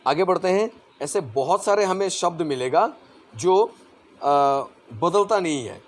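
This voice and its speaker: A man's voice: sits high, expressive, a little slow. A man teaching Hindi grammar to exam students in a conversational way, with an Assamese-influenced accent, repeating words and asking and answering his own questions.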